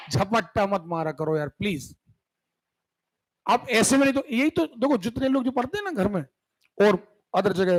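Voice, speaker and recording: A man with a high voice and a Madhya Pradesh Hindi accent teaches a grammar class for exam takers. He talks in a casual, joking way and keeps checking whether his students are following. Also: a bit bright, rough recording. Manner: asks students frequent check questions. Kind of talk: exam-prep grammar lesson.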